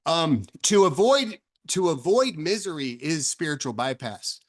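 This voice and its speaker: A man's voice: fairly high pitch, sing-song, a little slow. A man giving a reflective solo talk on recovery, earnest and personal, often restarting and repeating words as he thinks aloud. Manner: personal and searching, asks questions aloud. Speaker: author and speaker on recovery.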